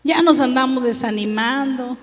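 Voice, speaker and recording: High-pitched woman preaching in a reverberant hall. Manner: emphatic, keeps asking the congregation questions; slow, drawn-out reading of scripture verses. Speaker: pastor. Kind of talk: sermon. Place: church sanctuary.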